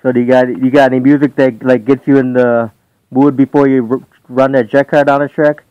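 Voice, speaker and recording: A man's voice: mid-range voice, level tone, brisk, warm tone, clean tone, no echo, muffled recording. A man in his forties hosting a casual radio interview, easygoing and asking simple questions. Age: 40s. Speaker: radio show host.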